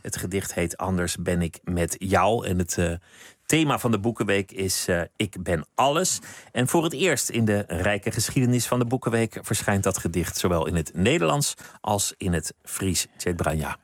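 A man presenting a weekend radio magazine, calmly introducing a guest with a few hesitations. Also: deep voice, normal speed, no echo, clean studio sound. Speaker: radio host.

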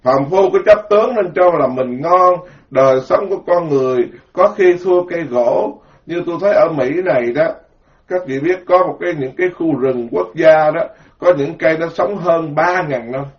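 A man's voice: a little high, normal speed. A man with a Southern Vietnamese accent from the Mekong Delta, a Buddhist monk giving an informal, joking sermon and piling up words in emphatic lists. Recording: dull lo-fi recording.

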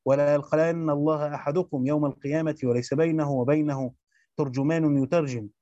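Man, commentary reading, very quick pace, slightly high voice, dull dry lo-fi sound. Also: fairly even intonation, warm tone, dry recording. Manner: rapid recitation with brief spoken explanations. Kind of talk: fast reading of a Quran commentary with asides.

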